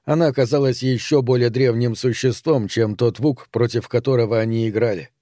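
Man narrating an audiobook, dark tone. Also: mid-range voice, steady tone, no room sound, clean studio sound. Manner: measured storytelling.

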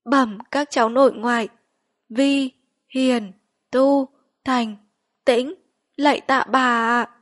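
A woman voicing a young granddaughter who speaks tearfully in a raised, higher voice. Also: fairly even intonation, slow, pauses often.

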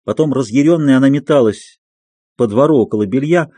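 A man reading a classic story aloud as an audiobook narrator, expressive and literary. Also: mid-range voice, brisk, no echo. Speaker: audiobook reader. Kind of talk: scripted narration.

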